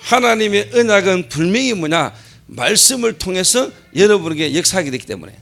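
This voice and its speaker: A man's voice: sits high, lively intonation, a little fast, gravelly, fairly bright tone. A middle-aged male pastor preaching a sermon at a church service. He keeps posing rhetorical questions, answers them himself, and repeats key phrases for emphasis.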